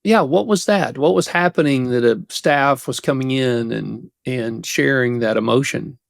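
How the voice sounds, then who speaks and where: A man's voice: medium pitch, a little slow, creaky, no echo, clean studio sound. A man hosting a podcast interview, asking his guest short prompting questions. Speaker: podcast host.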